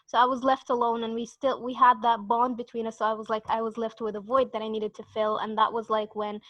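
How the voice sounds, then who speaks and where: A woman's voice: on the high side, flat delivery, fairly bright tone, no room sound, muffled recording. A woman hosting an online meeting, chatty and giggly, speaking English as a learned language. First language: not English. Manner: chatty and giggly, quick restarts. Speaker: meeting host. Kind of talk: casual online meeting chat.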